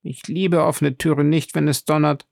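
A man doing a shrill, trembling greedy woman. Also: lively intonation, normal speed, vocal fry, no echo, clean studio sound, full character voice. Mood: anxious. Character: greedy, fearful old innkeeper's wife. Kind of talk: audiobook reading.

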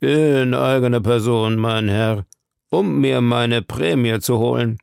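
A man's voice: medium pitch, takes it slowly, vocal fry, darkish tone, clear, resonant tone, no room sound, clean studio sound. A man doing a blunt, sturdy harpooner. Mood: matter-of-fact.

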